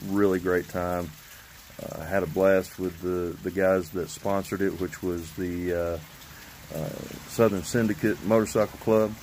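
A man's voice: sits low, unhurried. A man in his fifties chatting casually and rambling through a vlog, recorded on a phone on a covered porch outdoors. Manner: rambling, loosely organized. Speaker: vlogger. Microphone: phone at arm's length. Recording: outdoor phone recording with steady background noise.

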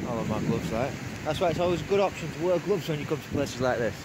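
A man with a slightly high, expressive voice talks fast as an exploring vlogger, walking among derelict buildings in winter woodland with a handheld phone. His running commentary is casual and hesitant, as though he's thinking aloud, and the phone mic picks up wind and outdoor noise.

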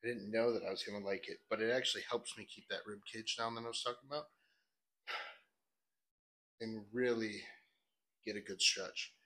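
A man's voice: on the low side, steady tone, moderate pace, pauses often, sharp tone. A man explaining his back training in a home garage gym, talking himself through his sets. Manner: coaching himself, grunting through hard sets. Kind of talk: workout vlog commentary.

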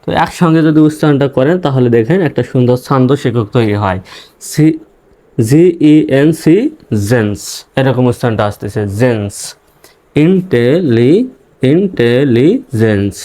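A man teaching English reading, spelling words letter by letter and sounding out each syllable slowly. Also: medium pitch, mellow. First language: Bengali. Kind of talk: spelling-out pronunciation lesson.

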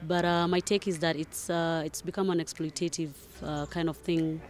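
A woman's voice: low-pitched, level tone, normal speed, darkish tone. A young woman, a student answering a street interview outdoors into a handheld mic, thoughtful with many fillers. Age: young adult. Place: outdoors among plants.

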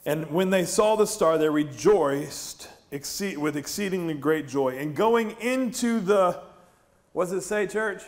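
On a large indoor church stage, a middle-aged American pastor delivers a conversational sermon, telling the story animatedly and putting questions to his congregation. His voice sits high and his pace is unhurried.

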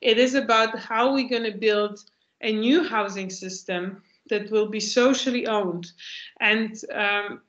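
Speaking through her laptop mic on a video call, a Polish woman answers a lecture question thoughtfully, restarting her phrases while hunting for words, in a bookshelf-lined room at home. Her medium-pitched, slightly bright voice is unhurried and fairly even, and the audio is echoey, dull, and lo-fi.

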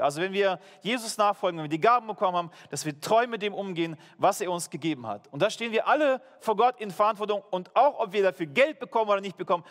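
A man preaching a sermon to his church in a lively, emphatic, informal way, with fillers and restarts. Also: high-pitched, in a large hall. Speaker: pastor. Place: church hall.

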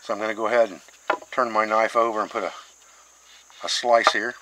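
A man's voice: on the low side, flat delivery, brisk, very noisy. A middle-aged man teaching bushcraft outdoors, explaining step by step as he carves a stick. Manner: plain, step-by-step explaining while carving. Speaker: bushcraft instructor. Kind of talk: hands-on outdoor demonstration. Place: outdoors, working on a wooden board.

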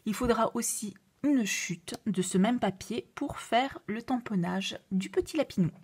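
Slow, hesitant woman with a foreign accent. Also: a little high, slightly rough. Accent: non-native French accent. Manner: hesitant, many fillers and self-corrections; drops to a soft whisper at times. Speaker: card-making demonstrator. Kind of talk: craft tutorial.

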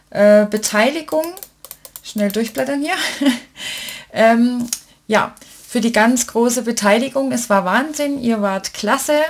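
A woman with a slightly high voice hosts an informal giveaway announcement for her viewers. She takes her time, speaking very unhurriedly as she explains each step. Her way of talking is chatty and fond toward the people she addresses. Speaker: craft channel host announcing giveaway winners. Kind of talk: casual live-style giveaway announcement. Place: indoors at a desk with a laptop.

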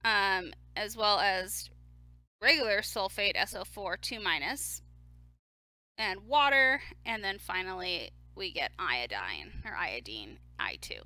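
A woman delivers a recorded chemistry lecture, walking through each step in a relaxed, conversational way. Her voice is bright and forward, and the sound is dry and close with no room echo. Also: mid-range voice, slow. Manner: casual, explains step by step with fillers.

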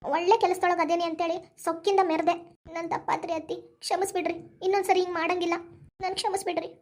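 A woman's voice: very high voice, little pitch movement, fast talker, a little mellow. A woman voicing a remorseful young married daughter in a cartoon, pleading apologetically with a North Karnataka accent. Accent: North Karnataka Kannada. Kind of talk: cartoon voice acting.

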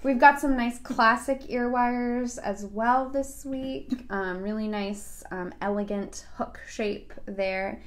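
A woman's voice: a little high, slow, few pauses. A woman co-hosting a live beading show, chatting casually and gushing over each item with many fillers. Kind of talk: casual live product chat.

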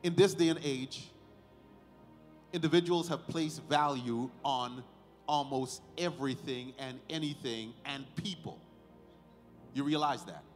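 At a baby dedication in a large church sanctuary, a medium-pitched male pastor gives a ceremonial sermon to the family and congregation. He uses short, deliberate phrases, leans hard on certain words, and poses rhetorical questions; the hall reverberates and music plays faintly.

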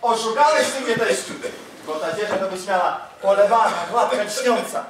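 A man's voice: sits high, moderate pace, slight background noise, close to an everyday voice. A student actor playing a quarrelsome peasant gardener who complains about his cheated dowry, recorded from far off on an echoey stage. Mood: accusing. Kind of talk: stage comedy acting.

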